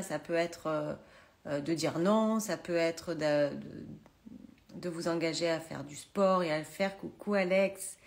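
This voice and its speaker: A woman chatting live to her viewers from a phone in a holiday cottage, talking freely with many hesitations. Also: on the low side. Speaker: live streamer and massage trainer. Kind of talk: casual social media live chat.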